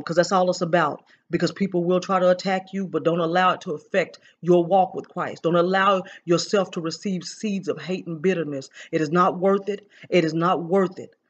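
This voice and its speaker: A man preaching in an informal, emotional way, recounting a vision to his listeners and addressing them directly. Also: fairly high pitch. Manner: emotional, intense, repeats phrases, addresses listeners as y'all. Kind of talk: informal spoken testimony. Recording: dull lo-fi recording.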